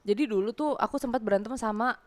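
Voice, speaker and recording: Young woman guest, slightly high voice, animated storyteller who acts out quotes. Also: fast. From Indonesia. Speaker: guest, content creator. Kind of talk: casual storytelling interview.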